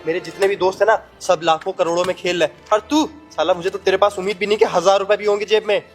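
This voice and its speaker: A man's voice: sits high, steady tone, fast, faint music behind, natural voice. A man playing an arrogant rich young man who insults an old friend with contempt in an amateur skit. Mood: boastful.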